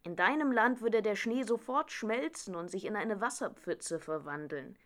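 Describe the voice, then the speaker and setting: A woman's voice: medium pitch, animated, moderate pace, a bit bright, natural voice. A chirpy talking songbird, as a woman reads it. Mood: explaining. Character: chatty well-traveled talking songbird. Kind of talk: storybook reading.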